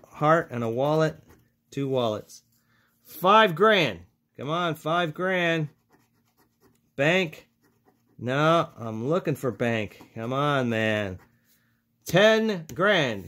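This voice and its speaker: A man giving casual, excitable commentary as he scratches lottery tickets, talking to his viewers as ladies and gentlemen. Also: a little high. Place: indoors at a table, over a cutting mat.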